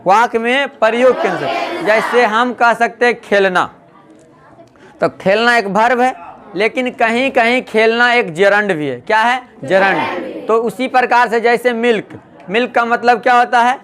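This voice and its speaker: A man's voice: extremely high pitch, a little slow, fairly bright tone. A man teaching an English grammar class in Hindi, drilling students with call-and-response questions. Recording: noisy classroom with crowd chatter. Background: students chanting answers, classroom noise.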